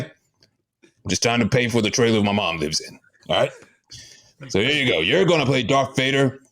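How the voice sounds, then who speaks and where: A man with a fairly low voice hosts a comedy show. He rambles through an improv bit as a casting director, teasing the others and laughing as he goes. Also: fairly bright tone. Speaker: host playing a casting director.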